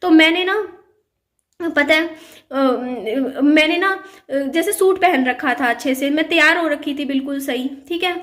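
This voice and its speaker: Unhurried and high-voiced, with a fairly bright tone, the young vlogger earnestly recounts personal events for her viewers on camera. Her telling is full of fillers and phrases said more than once.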